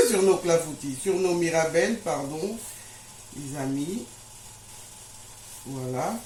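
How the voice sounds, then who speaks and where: A woman's voice: low voice, slow pace, dark tone. A woman hosting a casual home baking tutorial, chatting to viewers like friends and checking that they follow along. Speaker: home baking video host. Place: indoors in a home kitchen. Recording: echoey room with faint noise.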